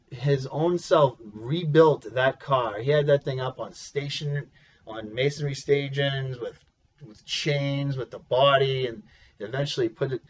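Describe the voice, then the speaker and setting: A man tells a family story slowly, chuckling and stumbling over restarts as he goes. His pitch sits in the middle range. The recording sounds dull and lo-fi. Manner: chuckling, halting, with many restarts. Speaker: vlogger. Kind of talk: casual personal storytelling.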